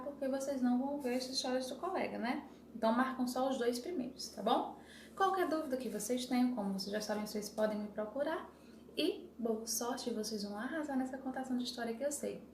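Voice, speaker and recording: A woman's voice: high voice, a little fast, reverberant, a little hiss or hum. A young adult woman teacher with a Brazilian Portuguese accent, giving a remote lesson to young children and explaining step by step in an encouraging way with many tag questions.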